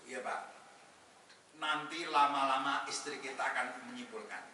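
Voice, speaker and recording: A man's voice: medium pitch, moderate pace, distant mic. A man giving a humorous religious talk to a gathering, joking with the audience and quoting Arabic verses. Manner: jokey, lively, mixes Arabic verses with banter. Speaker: head of a national Muhammadiyah institute, guest speaker. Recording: echoey hall, voice from afar, faint noise.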